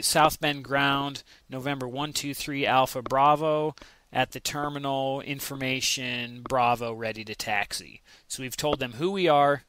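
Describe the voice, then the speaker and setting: In a low-quality recording, a mid-range American male voice with a sharp tone explains a flight simulation lesson. He keeps it conversational and explanatory, spelling out sample radio calls with care.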